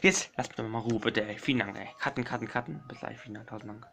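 A gaming YouTuber provides let's play commentary on a puzzle game, speaking fast in a medium-pitched, fairly bright voice with vocal fry over soft background music. He rambles and repeats himself, often saying "meine Freunde," and occasionally snaps at people who interrupt him.

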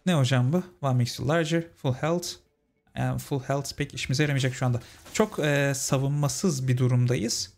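A man's voice: mid-range voice, moderate pace, gravelly, a little mellow. A young man giving casual let's-play commentary, chatting with his viewers as friends. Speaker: gaming channel host.

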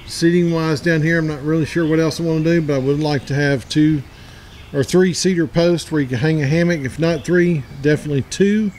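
A man's voice: on the high side, a little mellow, slight background noise, low-quality recording. Rambling man touring his backyard. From Middle Tennessee. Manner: rambling and plainspoken, self-correcting. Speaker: outdoors channel host. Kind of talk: casual walkthrough vlog. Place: backyard outdoors. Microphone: handheld camera.

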